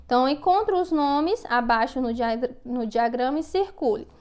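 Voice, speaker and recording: Patient high-voiced Brazilian-Portuguese teacher. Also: female voice, normal speed, darkish tone, smooth. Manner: patient and explanatory, often checking with "tá bom?". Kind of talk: online lesson walking through worksheet exercises.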